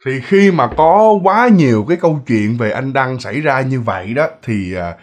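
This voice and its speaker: With lively intonation at a moderate pace, a mid-range male voice in a Southern Vietnamese accent narrates ghost stories. The storytelling is casual, repetitive, and chatty, aimed right at his listeners.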